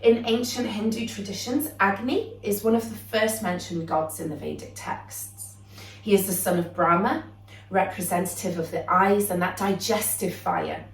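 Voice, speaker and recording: A young woman introduces a yoga practice in a calm, explanatory way, now and then pausing on an "um". She sounds set back from the microphone. Her voice rings in a roomy, echoing space. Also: mid-range voice, creaky, distant mic. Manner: calm, explanatory, with frequent "um" fillers. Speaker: yoga teacher. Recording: roomy echo, voice a bit off-mic.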